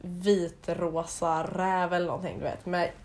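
A woman co-hosting a casual podcast with a lowish voice. She announces segments and teases her co-host in a dry way. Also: fairly even intonation, darkish tone. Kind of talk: casual chat.

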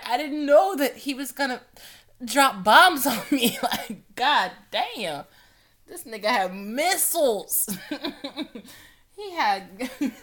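Hosting her own podcast, a young woman chats loosely in a casual solo monologue, swearing freely and laughing often. Her voice sits high and has a fairly bright tone.

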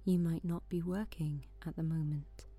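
A woman guiding a sleep meditation in a soft, soothing voice that often drops to a whisper. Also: deep voice, fairly even intonation, moderate pace, slightly rough, dry recording, soft background music. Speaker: meditation guide.

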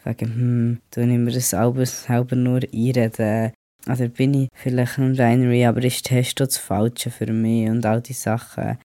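A man's voice: medium pitch, little pitch movement, normal speed, dark tone, dry recording, studio quality. A young man who has a cold, hosting a casual solo podcast and rambling on with English words mixed in. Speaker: podcast host.

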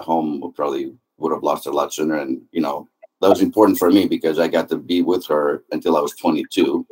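A middle-aged Greek man with a low, darkish voice is a guest on an interview podcast, heard through a low-quality recording. An author and speaker on happiness, he answers in a friendly, talkative way, full of fillers.

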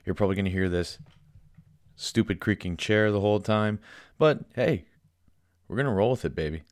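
Recorded with studio quality and no echo, a fairly low-pitched male voice talks at normal speed. He's an Ontario native in his twenties with a Canadian accent, running a solo sports podcast from a basement den at home in a loose, chatty style that pokes fun at himself.

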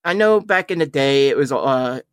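Casual podcast host from around altoona pa, rambly and animated, trips on words, super dry close sound. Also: medium pitch, a little fast, smooth, dry recording. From Altoona, Pennsylvania area. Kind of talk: casual review chat.

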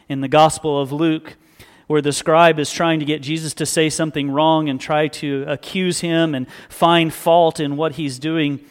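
A man preaching a sermon, reading scripture aloud and explaining it in a measured, emphatic way that slows down on key words. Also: fairly high pitch, clear, resonant tone. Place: church.

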